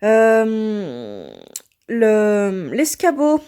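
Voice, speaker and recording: A woman's voice: mid-range voice, huge pitch swings, extremely slow, warm tone, clear, resonant tone. A French woman in a casual vlog, showing her home craft room and hesitating often between thoughts. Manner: hesitant, lots of filler sounds. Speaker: vlogger.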